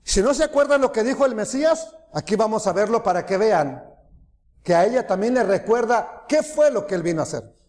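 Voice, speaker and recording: Male preacher, lively sermon delivery, higher voice, reverberant church hall. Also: a little fast. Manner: animated, rising to loud cries when quoting, dropping low for asides.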